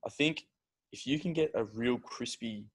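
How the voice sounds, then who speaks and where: A teenage Australian man with a mid-pitched voice. He is a podcast co-host in casual conversation. He speaks emphatically and often repeats his own phrases. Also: normal speed, slightly rough. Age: late teens. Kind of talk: casual chat.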